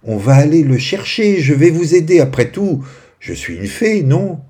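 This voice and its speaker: A man voicing a kind, gentle female fairy in a children's bedtime story, speaking softly and reassuringly. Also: on the high side, very animated, normal speed, voice pushed up.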